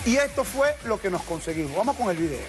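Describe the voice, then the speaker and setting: A man hosts a studio TV show in a high voice, introducing segments in a brisk, friendly way. Clear music plays under his voice. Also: sing-song. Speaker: TV host and reporter. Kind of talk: TV interview.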